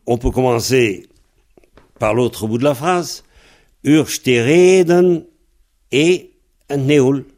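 A man teaching a language lesson, patiently repeating words and phrases slowly so they can be pronounced. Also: mid-range voice, a little mellow.

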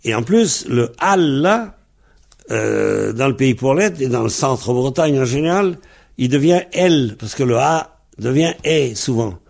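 A man's voice: medium pitch, lively intonation, a little slow, creaky, a little mellow. A man giving a patient lesson on Breton pronunciation, spelling out words letter by letter and comparing dialect variants. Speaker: Breton language teacher.

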